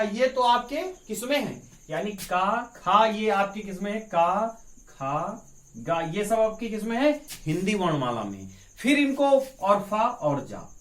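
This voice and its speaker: A man's voice: high voice, fairly bright tone. A male teacher giving an exam-prep grammar lesson, asking rhetorical questions and answering them himself as he drills the points. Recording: echoey room with crickets outside.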